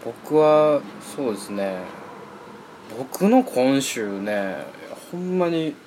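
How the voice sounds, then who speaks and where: A man's voice: mid-range voice, takes it slowly, a little hiss or hum. A young man in his twenties with a Kansai accent, co-hosting a casual podcast chat and telling stories with lots of mimicry. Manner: animated storytelling, mimics voices, laughs often. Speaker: podcast co-host.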